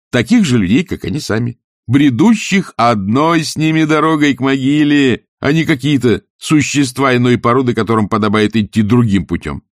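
A man's voice: medium pitch, dry recording, clean studio sound, pitched above the performer's own voice, lightly acted. A man doing a cheerful, eager young nephew. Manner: bright, raised and exclaiming.

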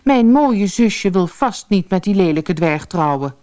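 A woman's voice: mid-range voice, lively intonation, measured pace, dark tone, lightly acted. A woman voicing an impulsive young prince in a storybook, speaking in an eager, pleading way.

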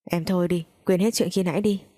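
A woman's voice: fairly low pitch, steady tone, a little fast, mellow, lightly acted. A woman voicing a harsh, commanding young husband who turns violent, in a storybook reading. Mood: coaxing. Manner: curt, commanding.

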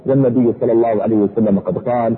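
A man preaching a sermon in a husky voice, fervent, his pitch sweeping up and down. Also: fairly even intonation, racing. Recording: echoey hall over a tinny phone-like line.

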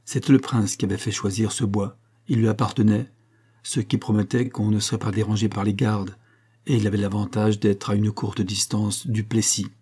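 A male audiobook reader narrating a classic novel at a measured pace. His voice is low and dark, with a husky, slightly breathy texture. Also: little pitch movement.

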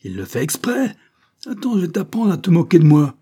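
A man's voice: medium pitch, normal speed, dark tone, breathy edge, voice pushed up, natural voice. A man voicing a brutal, bullying male fairground acrobat master who barks sneering orders. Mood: sneering, furious.

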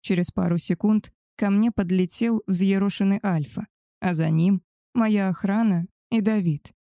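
A woman narrating a first-person audiobook with expressive readings of the characters. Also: medium pitch, measured pace, no echo, studio quality.

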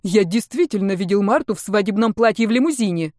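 A woman's voice: mid-range voice, expressive, quick pace, mellow, no echo, studio quality, lightly acted. A woman voicing an irritated, touchy middle-aged male pianist who talks in an exasperated, indignant way.

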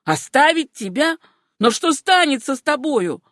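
Brief: woman reading a harsh, bullying uncle, loud and contemptuous, dry close audiobook sound. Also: high voice, very animated, measured pace, dry recording, voice pushed up, heavily acted. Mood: angry scolding. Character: stern angry middle-aged uncle, scornful and bullying.

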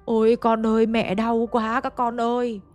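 A woman's voice: a little high, completely flat delivery, normal speed, darkish tone, lightly acted. A woman voicing a man in his sixties who groans in his sleep and snaps crossly when woken. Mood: moaning. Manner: groaning drawn out, then snapping crossly. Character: man over sixty, moaning in sleep, grumpy.

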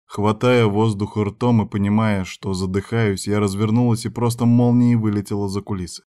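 Low-voiced male audiobook narrator. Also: steady tone, moderate pace, mellow, clear, resonant tone. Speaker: audiobook reader. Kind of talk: scripted narration.

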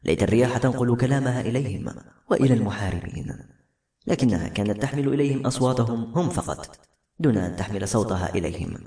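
A man narrating a novel in a brisk storytelling manner. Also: mid-range voice, expressive, dark tone. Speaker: audiobook narrator. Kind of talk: scripted narration. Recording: roomy echo, faint music.

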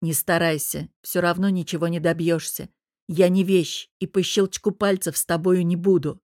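A woman's voice: on the low side, little pitch movement, moderate pace, a little mellow, no echo, clean studio sound, lightly acted. A woman reading an audiobook who voices a stern young man with a cold, clipped, growling manner.

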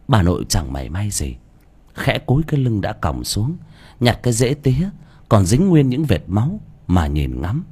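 A man's voice: on the low side, darkish tone, husky. A man narrating a first-person story as an audiobook reader, telling it expressively.

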